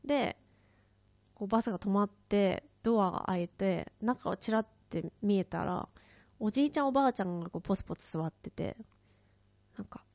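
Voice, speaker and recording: A woman tells a casual story, chatty and loose, full of fillers and light laughs, and she jumps up in pitch when she acts out what people said. Her voice sits at an ordinary middle pitch. The recording is dry and close, with a slightly dull, lo-fi tone. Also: fairly quick, vocal fry, a little mellow, no echo. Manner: chatty, acts out quoted lines in a raised voice.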